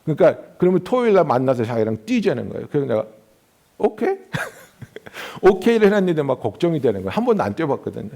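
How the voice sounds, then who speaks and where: High-voiced Korean pastor preaching. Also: male voice, big pitch swings, fast, creaky, warm tone. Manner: shifts between solemn preaching and casual anecdotes. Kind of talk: sermon. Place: church sanctuary.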